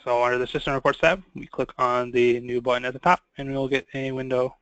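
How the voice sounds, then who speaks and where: A man leading a screen-share software training, talking casually with many fillers. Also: medium pitch, flat delivery, fast talker, clear, resonant tone, no echo, muffled recording.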